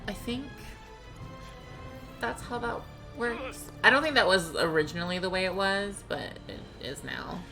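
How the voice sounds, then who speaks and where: Female game streamer, casual commentary. Expressive swings in intonation, talks to screen and viewers, game music underneath. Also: medium pitch, unhurried, gravelly. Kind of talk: casual let's play commentary.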